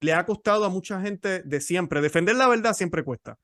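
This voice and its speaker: Higher-voiced man teaching, dry sound. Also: animated, normal speed, fairly bright tone, dry recording. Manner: explanatory, repeats words. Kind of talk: teaching talk.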